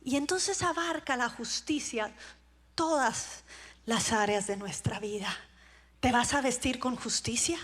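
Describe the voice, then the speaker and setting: Costa Rican woman preacher, high voice, animated storytelling sermon, hall reverb. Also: measured pace, slightly rough. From Costa Rica. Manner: lively storytelling, jumps from hushed to loud. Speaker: conference speaker.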